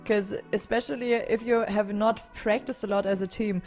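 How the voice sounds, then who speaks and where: A woman's voice: mid-range voice, fairly even intonation, normal speed, darkish tone, faint music behind. A woman co-casting a live esports stream, upbeat, with many "uh" fillers. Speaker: esports co-caster.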